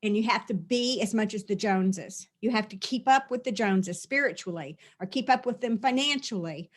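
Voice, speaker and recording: Guiding a release session with earnest intent, this middle-aged woman is a spiritual teacher whose medium-pitched voice moves at a brisk clip. Repetition and listed phrases come up often in her delivery.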